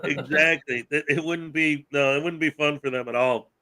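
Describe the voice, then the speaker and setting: Bright-voiced man chatting casually. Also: a little high, steady tone, moderate pace. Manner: rambling, frequent laughter and fillers. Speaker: podcast host. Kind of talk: casual chat.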